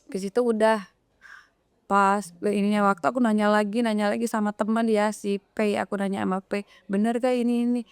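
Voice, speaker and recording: Woman, emotional retelling, smooth voice, dry close sound. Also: mid-range voice, little pitch movement, fairly quick, no room sound. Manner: acts out quoted dialogue, hesitant restarts. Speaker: interviewee.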